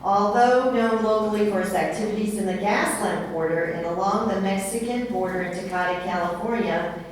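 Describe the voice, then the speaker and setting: Brief: middle-aged woman at a podium, introduction speech, distant mic, boomy hall. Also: normal speed. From San Diego, United States. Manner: reads a biography with occasional fillers. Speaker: speaker introducing her father at an event. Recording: echoey hall, voice from far off, faint hiss.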